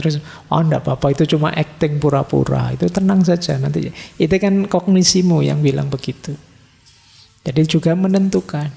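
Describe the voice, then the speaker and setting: A middle-aged man lectures on philosophy in a casual, teasing way. His voice is mellow and slightly high, with a gravelly fry. A long hall reverb trails behind every phrase. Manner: conversational, teasing examples, rhetorical questions. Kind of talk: casual Javanese-tinged lecture. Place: large mosque hall.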